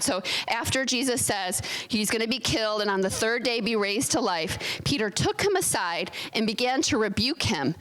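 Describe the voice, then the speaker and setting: A woman's voice: fairly high pitch, a bit bright, low-quality recording. A woman teaching a Bible study in a casual, chatty way, full of fillers and self-corrections, reading scripture aloud between her remarks. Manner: reads scripture passages aloud.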